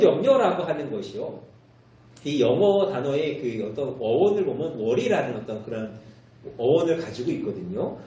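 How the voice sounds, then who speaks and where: A male pastor giving a sermon, telling a story in an expressive, animated way inside a church sanctuary. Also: fairly high pitch. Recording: very echoey church hall, mic far off.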